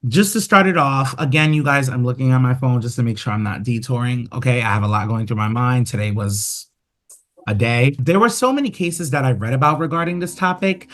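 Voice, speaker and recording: A man's voice: mid-range voice, lively intonation, fairly quick. A man hosting his podcast in casual solo talk, chatty and dotted with filler sounds. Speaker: podcast host.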